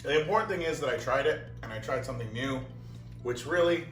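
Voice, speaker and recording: A young man hosts a casual cooking vlog in his home kitchen, chatty and self-deprecating, talking as he eats. His medium-pitched voice is fairly bright and quick, picked up by a distant mic in a roomy kitchen with music playing.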